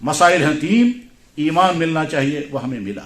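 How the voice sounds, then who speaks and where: A man preaching a sermon, telling stories with lively voiced dialogue and a Pakistani Urdu accent. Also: fairly high pitch, echoey room. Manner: animated storytelling with voiced dialogue. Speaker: Islamic scholar and preacher. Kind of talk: sermon with storytelling.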